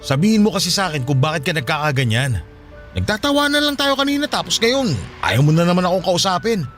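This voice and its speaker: A man's voice: sits high, big pitch swings, fast talker, a bit bright, soft background music. A man acting in a radio drama as a young man who pleads and keeps asking questions, then apologizes. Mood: pleading.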